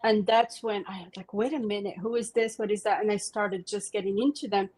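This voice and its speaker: A woman's voice: medium pitch, fairly even intonation, fairly quick, darkish tone, slightly rough, low-quality recording. Chatty woman. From Morocco. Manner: eager, rambling storytelling with frequent laughs. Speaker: podcast guest. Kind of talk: casual interview chat.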